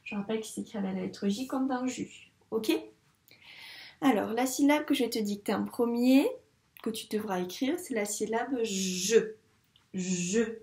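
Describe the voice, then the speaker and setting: A woman teaching first grade, running a dictation lesson for young children and saying syllables slowly and clearly. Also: on the high side, a little mellow. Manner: slow, clearly articulated syllables. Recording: echoey room.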